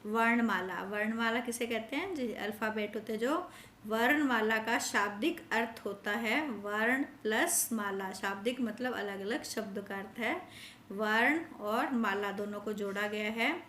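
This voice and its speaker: A woman teaching a grammar class, explaining patiently and stretching out sounds so the children can hear them. Her voice sits a little high. The room is echoey, with a faint hum behind her. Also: a little slow, a bit bright. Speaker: school teacher.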